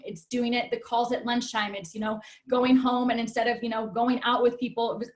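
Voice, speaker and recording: A woman with a fairly high voice delivers a motivational network marketing pitch. She is chatty and earnest, telling her story in casual phrases sprinkled with sales catchphrases. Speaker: network marketing team leader, guest speaker. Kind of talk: motivational MLM testimonial pitch.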